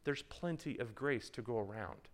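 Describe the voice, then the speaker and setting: Lively man teaching a Bible study. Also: mid-range voice, moderate pace. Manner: conversational, quizzes his listeners; reads scripture aloud with emphasis. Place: in front of a live group.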